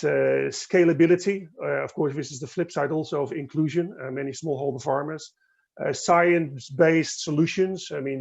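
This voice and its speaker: A man moderating an online panel, pausing often and restarting his sentences. His voice is gravelly and a little high, and it comes through a dull, lo-fi video call line. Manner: halting, many fillers and restarts.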